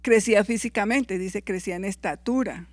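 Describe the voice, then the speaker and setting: A Bible teacher leads a class at a medium pitch and moderate pace, with no echo in the room. They read verses aloud, correct their own misread references, and check in with listeners using short tag questions.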